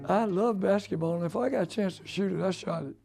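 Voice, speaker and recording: A man in his eighties from the southern United States, a former college basketball player, reminisces casually as an interviewee. His voice is high with vocal fry, his pace quick, and music plays under him.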